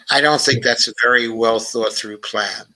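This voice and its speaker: A man's voice: medium pitch, bright, forceful tone, low-quality recording. A man hosting a casual livestream talk show, thinking aloud and often dropping in "okay" and "uh" as he goes. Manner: thinking aloud, unhurried, sprinkles "okay" and "uh" through sentences. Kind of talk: casual livestream commentary, reading viewer comments.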